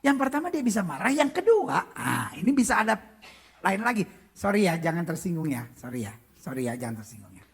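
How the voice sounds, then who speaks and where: A preacher giving a comic sermon, joking, shifting between loud outbursts and hushed asides. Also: mid-range voice, sing-song, fairly quick, breathy edge.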